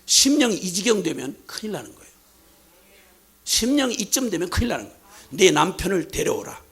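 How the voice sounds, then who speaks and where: Pastor, male, husky and bright, fervent sermon delivery with wide swings. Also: high-pitched, big pitch swings, fast. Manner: impassioned preaching, shouting divine questions.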